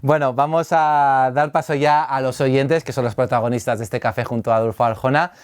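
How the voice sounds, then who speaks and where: A man at an ordinary middle pitch who runs the show, bringing callers on air with brisk, friendly introductions. His delivery is the practiced flow of a radio presenter. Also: steady tone, clear, resonant tone. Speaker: radio presenter moderating listener questions.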